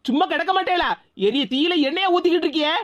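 Woman doing a sarcastic cartoon younger sister-type with a Tirunelveli accent, high and quick, dry close sound. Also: no echo, dull audio. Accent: Tirunelveli Tamil. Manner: sarcastic, retorting. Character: blunt younger woman, sharp-tongued and loyal.

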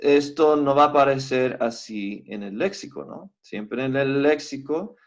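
A man teaching a live Hebrew class online, walking students through software on a shared screen and thinking aloud as he goes. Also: mid-range voice, animated. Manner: unhurried, thinks aloud with fillers. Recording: slightly dull lo-fi audio.

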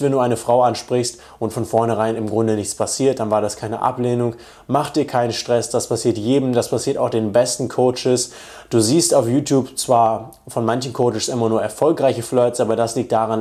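A man's voice: medium pitch, fairly even intonation, normal speed, mellow. A man giving dating advice as a coach in a direct, confident way. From Germany. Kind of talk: instructional video talk to camera.

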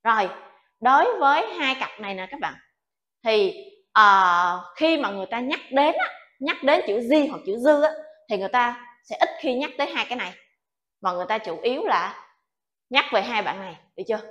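A woman's voice: on the high side, expressive, brisk, fairly bright tone. Patient teacher woman in an echoey room. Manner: patient, coaxing, checks in with "được chưa?" often. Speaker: Japanese language teacher. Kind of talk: online alphabet lesson.

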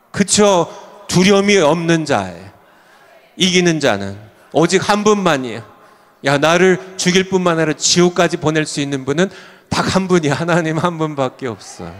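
An older male pastor preaches a revival sermon, swinging from ringing shouts down to low, hushed lines with a chuckle here and there. His voice sits fairly high for a man. The sound carries the long reverb of a large hall. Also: lively intonation, moderate pace.

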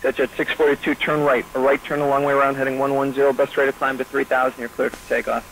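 Rapid-fire male tower controller over radio. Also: medium pitch, flat delivery, fairly bright tone, rough recording. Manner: clipped, directive, rapid-fire phrasing. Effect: air traffic radio. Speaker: air traffic controller. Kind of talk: tower radio instructions to aircraft. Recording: air traffic radio with faint noise.

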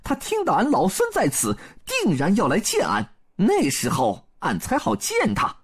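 Storybook monkey hero: high and sharp, husky, hugely animated, cheeky and quick-witted. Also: male voice, full character voice. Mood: sheepish. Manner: excitable, swooping delivery. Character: Monkey King, brash, clever, sociable monkey hero.

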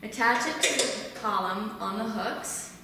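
A woman in her thirties, a fitness instructor, calmly cueing breathing and form while demonstrating exercises in a large tiled living room. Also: medium pitch, unhurried, very noisy. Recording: echoey room from far off.

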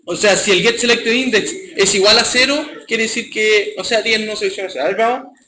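A man's voice: sits high, fairly even intonation, fairly quick, roomy sound, background noise. A man with a Chilean accent teaching a live programming class, often checking in with his students as he goes.

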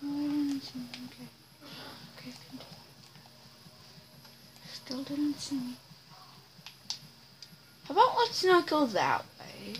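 A woman's voice: high voice, sing-song, slow, long pauses, noisy background. A woman giving casual commentary while playing a video game, talking to herself in an exasperated way. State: hiccuping. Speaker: gamer playing on a channel.

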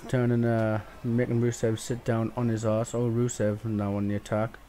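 A man's voice: mid-range voice, completely flat delivery, normal speed, warm tone, slight background noise. A man giving casual, swear-laden play-by-play commentary over a wrestling video game, rambling with fillers. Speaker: gaming YouTuber.

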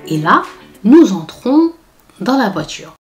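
Speaking slowly in a somewhat high voice over faint background music, this woman vlogger shares a casual storytime. Her delivery is lively: she performs the voices of people she quotes and lowers to whispers for side comments.

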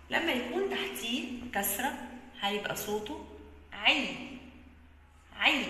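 Lively Egyptian woman teaching kindergarten letters. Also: a little high, roomy sound, in a large hall. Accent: Egyptian Arabic. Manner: slow, drawn-out sounding of letters. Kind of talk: children's writing lesson.

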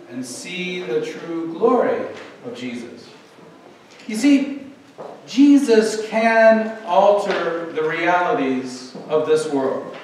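Slow, high-voiced preacher in echoey church. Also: male voice, recorded from a distance, slight background noise. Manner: calm, reflective preaching with pauses. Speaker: priest. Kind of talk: sermon. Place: large church sanctuary. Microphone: pulpit microphone, far camera.

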